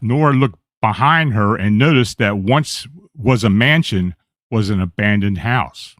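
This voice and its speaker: A man hosting a radio show, reading eerie accounts aloud in a steady storytelling voice with small slips and self-corrections. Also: medium pitch, no echo.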